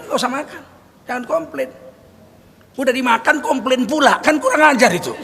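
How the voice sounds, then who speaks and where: A man giving a lively, humorous sermon, telling stories with comic voices and asking the audience questions. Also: extremely high pitch. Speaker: preacher. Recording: echoey hall with faint noise.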